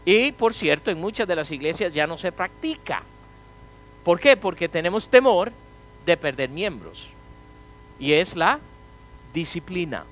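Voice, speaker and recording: A man preaching a sermon as pastor, asking the congregation rhetorical questions and swinging from loud to quiet. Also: sits high, big pitch swings, unhurried, long pauses, low-quality recording.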